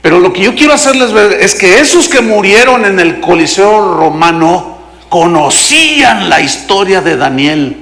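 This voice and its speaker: High-voiced pastor preaching. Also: male voice, animated, moderate pace, gravelly, fairly bright tone. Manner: dramatic storytelling, acting out characters. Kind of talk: sermon. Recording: long hall reverb.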